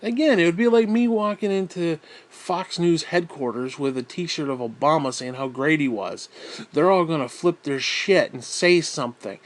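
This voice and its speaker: A man ranting in a vlog, blunt and exasperated, swearing constantly and sighing heavily. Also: a little high. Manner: profane, blunt, exasperated, with heavy sighs. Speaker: vlogger. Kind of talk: angry ranting monologue.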